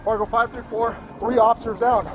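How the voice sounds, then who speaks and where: Police officer on the radio: a very high-pitched man making urgent, clipped calls to dispatch, with music underneath. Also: little pitch movement, a little fast. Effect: police radio transmission.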